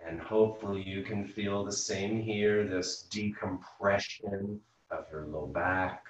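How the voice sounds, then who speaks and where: Teaching yoga over a video call from his home, a man who is also a physical therapist talks students through breaths and stretches in slow, calm steps. His voice is deep, and the room is very echoey with him far from the mic.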